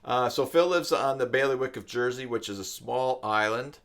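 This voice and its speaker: With a mid-range, slightly bright voice at normal speed, a man runs a laid-back live tutorial with chat. As a live stream host and web tutorial instructor, he rambles and thinks aloud while demonstrating and talking to viewers.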